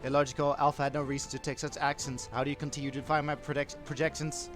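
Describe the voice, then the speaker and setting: A man's voice: fairly high pitch, level tone, fast, music in the background, natural voice. A man voicing a cold male machine intelligence that glitches and stutters through error messages in a stiff, robotic delivery. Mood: glitching. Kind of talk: fan voicing of game cutscenes.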